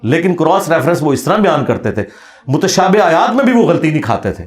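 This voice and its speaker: A man giving an impassioned religious lecture, forceful and challenging, reciting Arabic phrases slowly. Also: on the high side, sing-song, roomy sound, faint music behind. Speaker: religious speaker.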